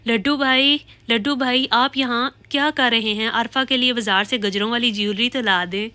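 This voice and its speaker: A woman reading a novel aloud, voicing a young sister who gently coaxes her brother, a little higher than her narration. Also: steady tone, no room sound, natural voice. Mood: playful. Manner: pleading, gently coaxing. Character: caring younger sister, then playful bridesmaid.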